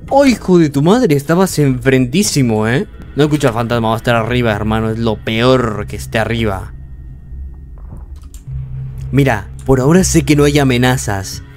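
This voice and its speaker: A jumpy young gameplay streamer narrates a horror game at a moderate pace, his voice at an ordinary middle pitch. He yelps in panic and mutters to himself while faint game music plays in the background.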